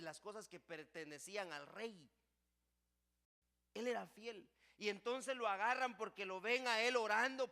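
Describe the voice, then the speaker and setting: A man preaching a sermon in church, impassioned, swinging between loud passages and hushed ones. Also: sits high. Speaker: pastor.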